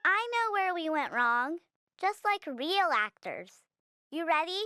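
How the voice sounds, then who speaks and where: A voice actress playing a lively little child in a children's cartoon, bright and chirpy. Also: female voice, very high-pitched, slow pace, no echo, clean studio sound, full character voice. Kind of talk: cartoon voice acting.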